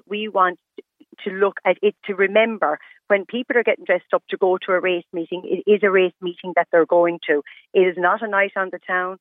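A woman's voice: on the low side, no room sound. A woman with a west of Ireland accent talks as a phone-in radio guest. She makes her points emphatically, repeating them in short phrases. Her voice comes down a dull, narrow telephone line with no room sound around it. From Galway, west of Ireland. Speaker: interview guest, stylist and fashion competition judge. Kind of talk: live radio phone interview.

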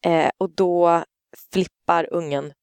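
Gravelly-voiced woman telling a lively story. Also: lowish voice, no echo. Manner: animated anecdote-telling, acts out quotes loudly. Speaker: podcast co-host, parent. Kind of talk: casual storytelling chat.

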